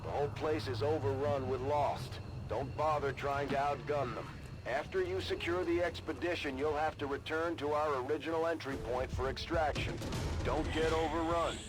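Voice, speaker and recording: An actor playing a serious, urgent military commander giving a scripted mission briefing in a video game. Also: male voice, a little high, steady tone, moderate pace, lightly acted, poor audio. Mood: urgent, commanding.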